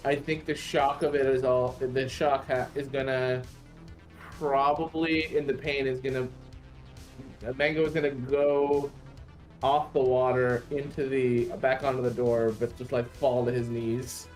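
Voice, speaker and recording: Halting mid-pitched man playing a tabletop game. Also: little pitch movement. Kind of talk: casual tabletop game talk. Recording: music behind the voice.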